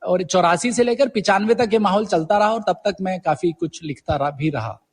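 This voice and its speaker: With a high voice at a normal speed, a middle-aged Indian man recalls old times as an interview guest. His storytelling is in Hindi, with English words mixed in.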